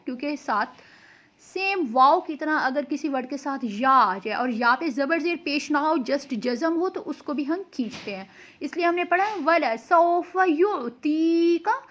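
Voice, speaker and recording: A young woman patiently explaining tajweed pronunciation and reciting slow examples as a Quran recitation teacher. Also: high-pitched, expressive, fairly bright tone. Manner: patient and explanatory, often checks in with "okay".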